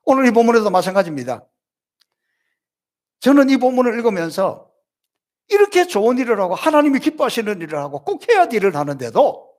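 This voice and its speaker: A middle-aged man, a senior pastor, delivering a Sunday sermon with repeated building phrases and rhetorical questions. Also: sits high.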